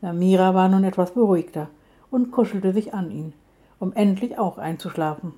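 Woman reading a kids' fairytale, mellow warm voice, calm and even. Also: fairly low pitch. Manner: calm, measured storytelling. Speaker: storyteller. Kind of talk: children's story reading.

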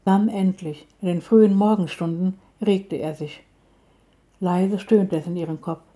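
Warm-voiced woman reading a children's story. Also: on the low side. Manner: calm, measured storytelling.

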